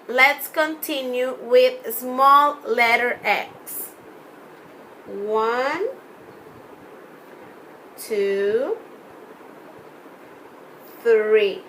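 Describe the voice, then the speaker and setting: Young woman, Spanish first language, kids' teacher on video: very slow, patient phonics drills, clear bright tone. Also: a little high, a little hiss or hum, low-quality recording. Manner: slow, drawn-out phonics teaching with counting and repeated words. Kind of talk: children's class video lesson.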